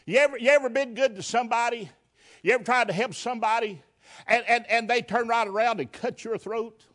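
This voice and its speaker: High-voiced man preaching fervently. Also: fairly quick, fairly bright tone. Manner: fervent, folksy, rhetorical questions, repeats words. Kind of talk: sermon.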